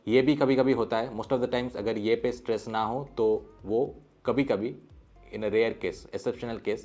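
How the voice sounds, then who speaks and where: A man at a middle pitch gives a pronunciation lesson at an unhurried pace. He reads foreign words one by one and then explains the rules, mixing in English words. Faint music plays behind him. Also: a little mellow. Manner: mixes English words into his talk. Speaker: language teacher.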